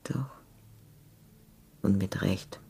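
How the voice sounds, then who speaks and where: An actress in a radio play voicing a weary older woman who is remorseful, speaking in a hushed, broken way and often whispering. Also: a bass voice, drawn-out words, gravelly, husky, heavily acted. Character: weary older woman, remorseful, letting her young lover go.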